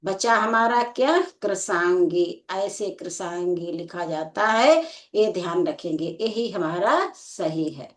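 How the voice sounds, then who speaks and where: A woman teaching a Hindi spelling lesson for exam preparation, explaining slowly and checking in with the class again and again. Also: fairly low pitch, lively intonation. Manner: slow and explanatory, repeating "ठीक है" as a check. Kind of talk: exam-prep lecture.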